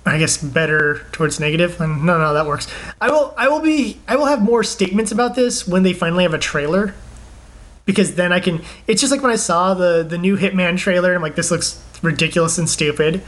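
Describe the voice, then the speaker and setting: Young male co-host, high voice, rambling and excitable. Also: a little fast. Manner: rambling, excitable, laughs often. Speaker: podcast co-host. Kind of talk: casual chat about games and movies.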